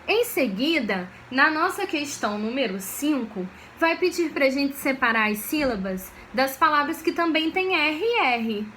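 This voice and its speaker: A woman teacher, giving a video lesson for children in a slow, patient way and often checking that they follow. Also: high-pitched, lively intonation, a bit bright, slight background noise. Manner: slow, patient, checks understanding with frequent questions.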